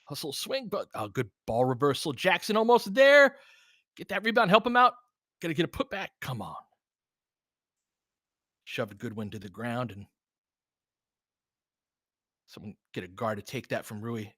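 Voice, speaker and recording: A very animated man with a medium-pitched, somewhat bright voice speaks at a moderate pace, leaving long pauses. As host of a basketball film-room audio stream, he does casual live play-by-play and analysis, talks informally with listeners, and roots for the players like a fan. The studio-quality audio has no echo.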